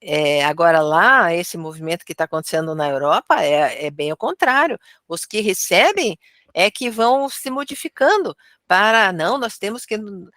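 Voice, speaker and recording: A woman with a Brazilian accent discussing religion in a study group, chatty and filling pauses with little tags. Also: on the low side, lively intonation, fairly bright tone, no echo, clean studio sound. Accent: Brazilian Portuguese. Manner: chatty, fills with "né" and "tal".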